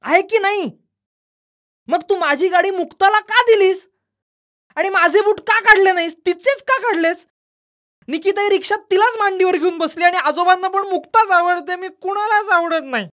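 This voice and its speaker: Woman doing a shouting jealous little boy. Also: very high-pitched, normal speed, voice pushed up. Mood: angry, shouting. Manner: shouting, whiny. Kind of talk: children's storybook reading.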